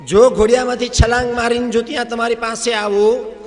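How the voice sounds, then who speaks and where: A man's voice: extremely high pitch, flat delivery, fairly quick, long reverb tail, faint music behind, voice pushed up. A man as baby Krishna pleading. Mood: earnest. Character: newborn baby Krishna, mischievous and helpless.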